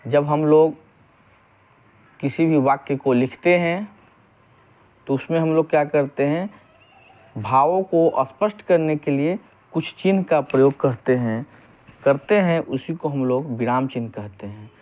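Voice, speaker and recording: A male teacher gives a grammar lesson at an unhurried pace, with a slightly high voice. He explains each point step by step, then asks a question and answers it himself. He reads the example sentences slowly and deliberately. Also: darkish tone.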